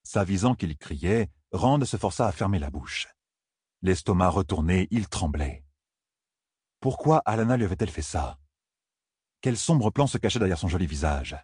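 Very deep, husky male narrator. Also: expressive, normal speed, pauses often, darkish tone, no room sound, clean studio sound. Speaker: audiobook narrator. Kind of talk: scripted narration of a fantasy novel.

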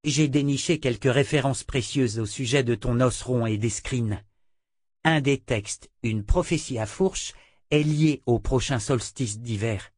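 A man reading an audiobook, voicing an excitable young male scholar who talks in eager bursts. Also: mid-range voice, measured pace, dry recording, clean studio sound, lightly acted. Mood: explaining. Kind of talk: audiobook character voice.

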